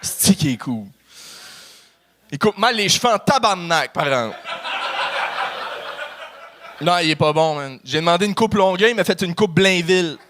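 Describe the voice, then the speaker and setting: A man's voice: sits high, lively intonation, moderate pace, pauses often, background noise. A man from New Brunswick doing a brash, swear-filled, self-mocking stand-up set on a comedy club stage.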